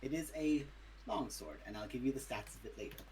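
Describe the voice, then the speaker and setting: A man's voice: mid-range voice, animated, fairly quick, a little mellow, a little hiss or hum. A man narrating an improvised tabletop game as its game master.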